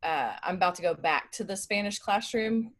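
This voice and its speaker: A woman's voice: on the low side, animated, moderate pace. A woman in her forties, a Spanish teacher, chatting casually on a video call with lots of fillers. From Dallas, Texas. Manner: friendly, chatty, many fillers.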